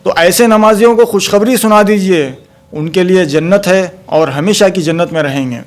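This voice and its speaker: A man delivers a religious talk for a recorded video in a fairly high voice for a man. His preaching is emphatic, with slow, measured recitation of Arabic verses and frequent exclamations of praise. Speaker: Islamic preacher.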